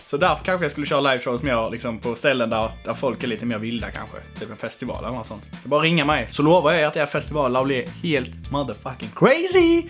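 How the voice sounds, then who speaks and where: A man's voice: mid-range voice, big pitch swings, hardly any pauses, a bit bright, soft background music. A young man chatting casually on his vlog, joking and swearing, dropping in English phrases. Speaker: YouTuber.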